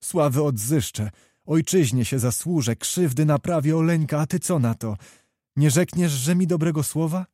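A man's voice: fairly high pitch, moderate pace, dark tone, no echo, studio quality, close to an everyday voice. A man voicing a fiery young knight who pleads earnestly and passionately. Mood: pleading.

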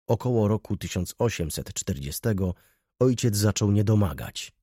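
A man narrates a classic novel in a measured, expressive reading. His voice is low and husky, with lively pitch movement, in a dry, close recording. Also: dry recording. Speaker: audiobook reader. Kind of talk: scripted narration.

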